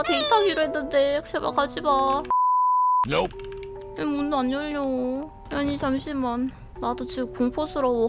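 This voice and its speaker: A young woman streaming a horror game live, shrieking and swearing when scared and bantering with her chat. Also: sits high.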